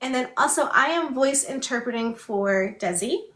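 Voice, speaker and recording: A woman hosting a casual livestream chat, signing while speaking, so her phrases come out halting and broken up. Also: high voice, expressive, a bit bright, a little hiss or hum. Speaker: book club host and ASL voice interpreter. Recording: echoey room.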